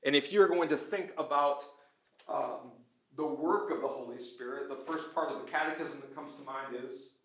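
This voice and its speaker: In an echoey room at a church and school, a man addresses an audience with a conference lecture that includes questions from listeners. He is a pastor, schoolteacher and conference speaker, earnest and informal, frequently tossing in a quick "right?". His voice sits a little high.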